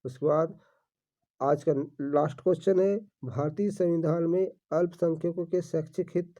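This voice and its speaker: Dark-voiced man drilling exam answers. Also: on the high side, fairly even intonation, normal speed. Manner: reads questions then repeats answers, addresses viewers as friends. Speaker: teacher. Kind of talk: exam-prep quiz walkthrough. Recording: dull lo-fi recording.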